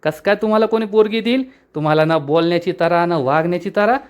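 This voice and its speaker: A man plays a scheming uncle from a TV serial, speaking with scorn. The voice sits somewhat high for a man and sneers through each line. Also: fast, smooth, muffled recording, close to an everyday voice. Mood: taunting. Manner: taunting, scornful.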